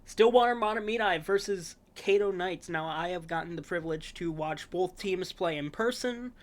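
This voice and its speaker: A man hosting a casual sports preview podcast, talking in a relaxed, rambling way with fillers and self-corrections. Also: high voice, moderate pace. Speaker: podcast host.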